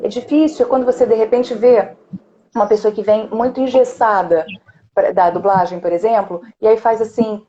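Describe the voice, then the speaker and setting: A Brazilian woman with a somewhat high voice talks through how the voice works, patient and explanatory like a coach. The audio is a little dull and lo-fi. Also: fairly even intonation, normal speed, warm tone, a little hiss or hum. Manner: explanatory, teacherly. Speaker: vocal coach. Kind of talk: casual chat.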